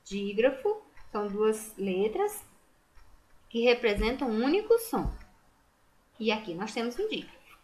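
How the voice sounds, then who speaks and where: A Brazilian Portuguese-accented woman patiently breaks words into syllables during a recorded remote primary school lesson. She speaks in a fairly high, somewhat mellow voice, sing-song and unhurried, leaving long pauses.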